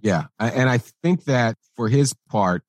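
A man's voice: medium pitch, expressive, unhurried, no echo. A man interviewing conversationally, explaining background in a matter-of-fact way. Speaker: interviewer with music industry experience.

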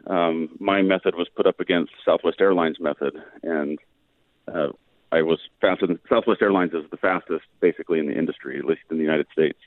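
A man's voice: low voice, a little fast, no echo. A man, a physics professor and guest on a radio show, explains patiently over a phone line that fades in and out, with frequent "um"s.

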